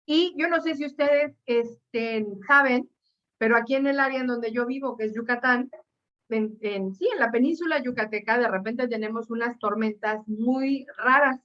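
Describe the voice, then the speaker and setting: Brief: animated woman telling a parable to an audience, fillers and laughs, dull muffled sound. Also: fairly high pitch. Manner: lively, laughing, many fillers. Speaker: speaker. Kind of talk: storytelling talk.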